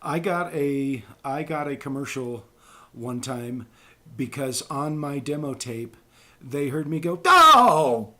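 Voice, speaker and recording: A man with a mid-range voice speaks slowly as he hosts a casual talk show, sharing voice-acting stories. He's a podcast host and voice actor, an animated storyteller who performs the quotes as he tells them in relaxed chat.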